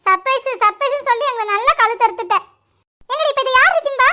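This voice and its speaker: A whiny, sulky cartoon girl, as a woman puts her on, with a squeaky, very high and bright voice. She talks quickly and pleads like a spoiled kid. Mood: defiant. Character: sulky young girl, the daughter. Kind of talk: cartoon voice acting.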